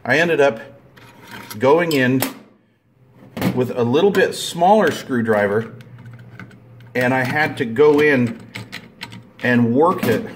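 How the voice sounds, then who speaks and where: Man, mid pitch, casual DIY how-to, rambling and plain-spoken, camera mic with faint clicks behind. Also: takes it slowly, long pauses, background noise. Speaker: DIY video maker. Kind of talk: casual hands-on tutorial. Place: indoors at a table, hands-on with tools.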